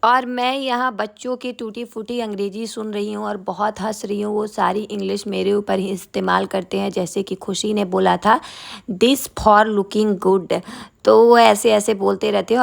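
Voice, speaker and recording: A woman's voice: mid-range voice, vocal fry. A woman teacher giving a chatty, fond voice-over narration for her vlog about the children she teaches.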